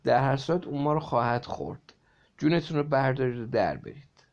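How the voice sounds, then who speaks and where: A panicky schoolboy from a storybook shouts warnings in alarm, as a man reading aloud puts him on. His voice rides a little higher and louder than the reader's own, with a mid-range tone. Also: fairly even intonation, lo-fi sound, natural voice.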